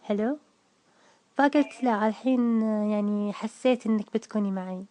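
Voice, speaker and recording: Coy young Saudi woman, voiced by a man doing a woman's voice, Gulf accent, mellow tone, evasive and halting, telephone audio. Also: high voice, lightly acted. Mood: explaining, defensive. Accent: Gulf Saudi Arabic. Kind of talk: prank phone chat.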